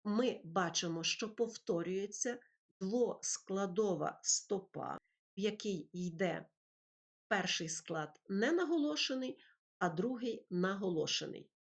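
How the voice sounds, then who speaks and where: A woman teacher narrating a lesson over slides, speaking slowly and clearly as she explains poetry and meter. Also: medium pitch, animated, lo-fi sound. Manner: slow, clear, explanatory delivery with recited verse.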